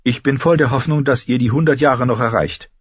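A man voicing a proud, determined noble lady in an audiobook, speaking in a firm, measured, defiant way. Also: mid-range voice, husky, dry recording, muffled recording, voice pushed up, natural voice. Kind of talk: audiobook character voice.

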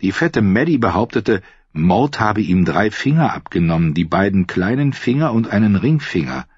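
A man reading a fantasy audiobook in a measured, even storytelling manner. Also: on the low side, breathy edge, no room sound, muffled recording. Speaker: audiobook narrator. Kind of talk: scripted fantasy narration.

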